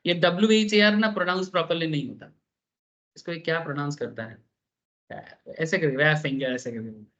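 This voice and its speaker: A man's voice: fairly high pitch, a little fast, a bit bright, dull audio. A man teaching a business law class, telling stories and asking the students questions. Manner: chatty storytelling, asks the class questions, mixes English terms.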